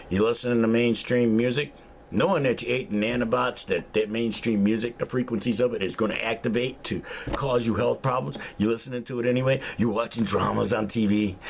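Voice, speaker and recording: An older man delivering an angry, profane, preachy rant to camera, mocking his listeners and breaking into high shouts. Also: a little hiss or hum. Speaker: vlogger. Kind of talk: angry ranting monologue.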